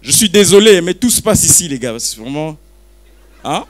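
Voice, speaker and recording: A man's voice: a little high, sing-song, moderate pace. A man running a live auction at a book launch, calling and repeating bids while teasing the crowd. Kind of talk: joking live auction patter.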